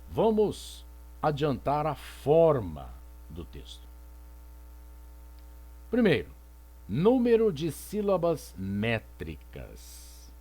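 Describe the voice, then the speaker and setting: In a recorded lecture, a male literature teacher reads poems aloud slowly and poses rhetorical questions that he then answers himself, in a didactic manner. His voice is mid-range and darkish, with a breathy edge.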